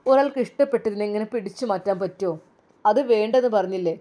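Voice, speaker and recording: A woman's voice: fast, mellow, close to an everyday voice. A woman doing a heartbroken young policeman. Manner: low, sobbing, pleading.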